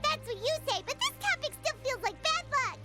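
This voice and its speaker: Paimon, a squeaky little fairy. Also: female voice, sing-song, full character voice. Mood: uneasy. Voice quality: very high, squeaky childlike voice. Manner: chatty, fretful, quick to react. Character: tiny floating female fairy companion, chatty and excitable. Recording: game dialogue with loud music behind.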